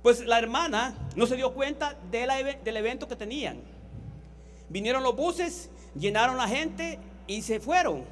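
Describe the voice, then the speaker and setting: High-voiced Honduran man preaching. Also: expressive, moderate pace, a bit bright, slight background noise. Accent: Honduran Spanish. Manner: storytelling, repeating words and phrases for emphasis. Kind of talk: sermon with anecdotes.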